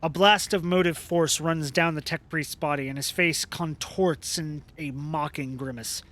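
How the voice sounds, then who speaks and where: A man's voice: on the high side, steady tone, a little slow, a bit bright. Young man reading game text on stream. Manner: casual, joking asides between narration.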